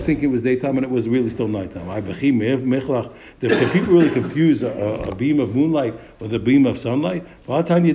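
A man's voice: mid-range voice, mellow. A man teaching a Talmud text. He reads Aramaic phrases and then explains each in English. He often repeats words and restarts his sentences, and he asks questions and answers them himself.

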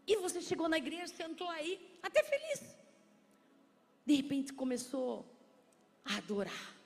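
A woman pastor preaching a sermon, playful and joking with the congregation, then slowing into soft, intimate speech. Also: sits high. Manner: slows and softens into quiet, intimate speech. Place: church sanctuary. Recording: long church reverb.

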